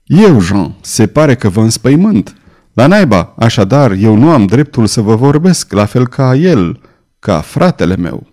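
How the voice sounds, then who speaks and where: A man voicing a proud, violent young man, jealous and bitter, in a hoarse voice. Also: medium pitch, very animated, darkish tone, lightly acted. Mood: bitter threat. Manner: bitter, threatening.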